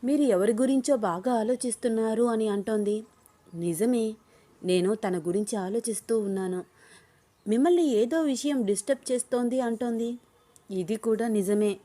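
A woman's voice: a little high, moderate pace, mellow, lightly acted. A woman reading a story, voicing a young man who teases the woman he is falling for. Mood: musing. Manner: playful, teasing questions. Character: young man, teasing, smitten office boss.

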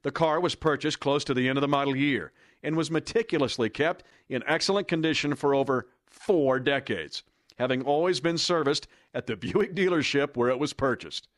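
A man's voice: mid-range voice, normal speed, no room sound, studio quality. A man reading an enthusiastic scripted promo voice-over in an announcer's delivery. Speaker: promo narrator.

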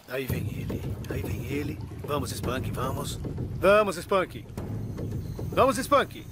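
A man's voice: mid-range voice, flat delivery, unhurried, lightly acted. An actor with a Brazilian accent dubbing an earnest, cautious male animal researcher in a documentary. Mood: amazed. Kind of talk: voice-over dub of documentary interview and field talk. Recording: clear outdoor noise behind the voice.

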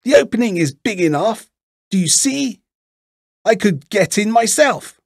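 A man's voice: high voice, lively intonation, unhurried, gravelly, no echo, clean studio sound, pitched above the performer's own voice, heavily acted. A man voicing a wicked old witch from a storybook, cruel, bossy and scolding. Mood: scornful impatience. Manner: scolding, commanding. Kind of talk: storybook character voice.

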